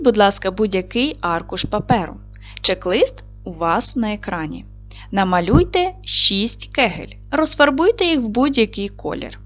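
Woman teaching a children's video lesson. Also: medium pitch. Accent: Ukrainian. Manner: clear, patient, instructive tone addressing children. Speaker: primary school teacher.

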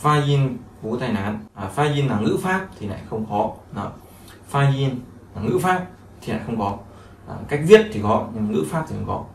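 A man's voice: medium pitch, animated, normal speed, gravelly. Man teaching, echoey room. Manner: repetitive, explanatory, many fillers. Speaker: Chinese language teacher. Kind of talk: explaining a textbook lesson. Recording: echoey room, mic at a distance, faint noise.

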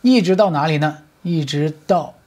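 This electric guitar lesson comes from a man with a slightly high, somewhat mellow voice speaking at a moderate pace. He breaks things down step by step with everyday comparisons, often asking the learner "right?" while guitar plays behind him.

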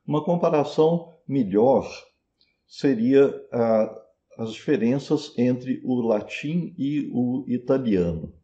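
A man's voice: medium pitch, lively intonation, slow pace, dark tone, lo-fi sound. A man with a Brazilian Portuguese accent, teaching a pronunciation lesson patiently and repeating words to model them. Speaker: Sanskrit teacher. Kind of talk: slow explanatory lesson.

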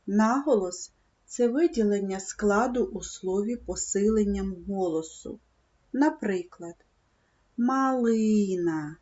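A woman reading a scripted primary school lesson, speaking slowly and clearly and stressing syllables. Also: mid-range voice, darkish tone, highs cut off. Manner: slow, clear instructional delivery, stressing syllables.

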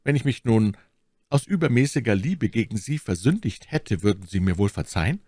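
An eager young swordsman, as the narrator plays him, courtly and earnest, his voice only slightly raised above the reader's own low tone, with animated pitch. The recording is close and dry. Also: brisk, no echo. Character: gallant young male swordsman, eager and flattering.

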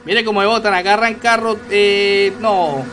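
A man's voice: high voice, steady tone, a little slow, background noise. A man streaming a video game, commenting casually and greeting viewers by name between plays. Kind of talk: casual gaming livestream commentary.

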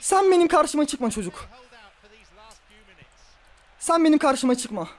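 Gaming YouTuber, male, high-pitched voice, furious ranting let's-play commentary. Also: big pitch swings, a little slow. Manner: furious ranting and yelling at an opponent; muttering and grumbling after the game.

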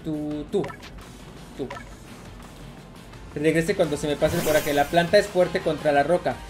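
A woman's voice: low voice, steady tone, unhurried, music in the background. A woman with a Mexican accent giving casual, profane commentary while playing a video game, repeating herself as she rants. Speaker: gaming streamer.

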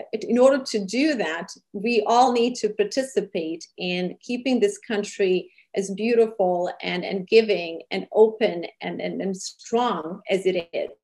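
A middle-aged woman from Serbia, a charity founder, speaking earnestly with many fillers and slightly phrasing in an interview over a webcam call from a small room. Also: mid-range voice. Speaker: charity founder and cooking show host. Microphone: webcam on a video call.

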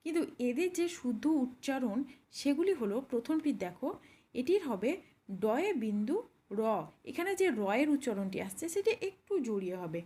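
A woman with a fairly high voice that rises and falls a lot teaches pronunciation. She explains each sound patiently and demonstrates it slowly. She speaks straight to the learner, as if sitting beside them. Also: warm tone, husky.

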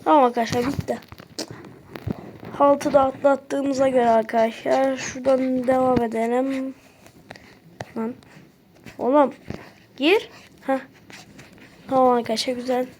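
A woman giving casual running commentary on a game she is playing, recorded on a phone, often addressing her viewers and breaking into excited shouts at surprises. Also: high voice, measured pace, long pauses, slight background noise. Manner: keeps saying "okay friends" while playing; bursts into excited shouts at discoveries. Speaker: gameplay commentator. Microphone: phone screen recorder.

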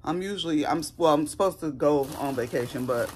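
A woman in her forties, hoarse and scratchy-voiced, rambling casually through a haul vlog. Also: sits low, brisk. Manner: chatty and rambling. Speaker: YouTuber.

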